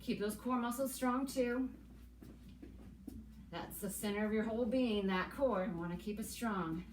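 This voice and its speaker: A middle-aged woman coaching an exercise class as an aerobics instructor, calling cues and counts with steady encouragement while she works out. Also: mid-range voice, measured pace. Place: indoors, plain room with hard walls. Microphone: camera several meters away. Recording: echoey room, distant mic, background noise.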